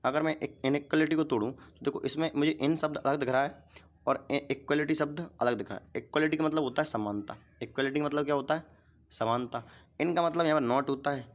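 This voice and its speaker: A man's voice: fairly high pitch, a little fast. A man teaching a grammar lesson. He explains step by step, keeps asking short questions and answers them himself. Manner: asks questions and repeats the answers.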